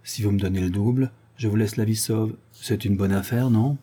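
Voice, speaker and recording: A man's voice: on the low side, fairly even intonation, moderate pace, mellow, slightly rough. A man voicing a shifty male hired killer who speaks coldly and threateningly. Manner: cold, threatening.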